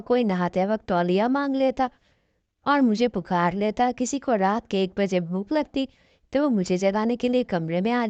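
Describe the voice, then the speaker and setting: A woman's voice: fairly high pitch, darkish tone, dry recording. A woman narrating a first-person story in an earnest, plaintive way. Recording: dull lo-fi dry recording.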